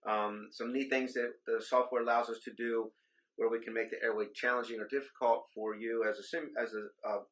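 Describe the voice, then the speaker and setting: A man's voice: mid-range voice, fairly even intonation, fairly quick, a bit bright, low-quality recording. Man giving a methodical equipment walkthrough. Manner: explanatory, methodical, occasional ums. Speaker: simulation program administrator. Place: hospital trauma bay in a simulation lab.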